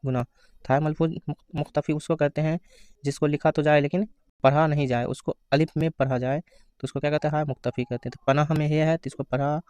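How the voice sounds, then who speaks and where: A man giving an exam-prep grammar lesson, asking questions and answering them himself, reading out the answer options slowly. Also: a little high, fairly even intonation, a little mellow, smooth, no room sound. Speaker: teacher.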